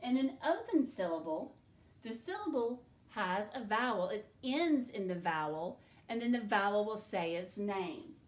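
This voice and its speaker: A woman teacher leading a spelling lesson, slowly and clearly sounding out syllables and letters for her students. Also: medium pitch, big pitch swings, reverberant. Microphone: in front of a whiteboard.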